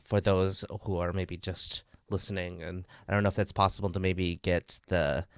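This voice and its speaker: A man's voice: low-pitched, level tone, moderate pace, smooth, dry recording. A man co-hosting a live podcast, eagerly laying out questions for a guest. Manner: upbeat, eager interviewer. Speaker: podcast co-host. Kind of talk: casual live-stream chat.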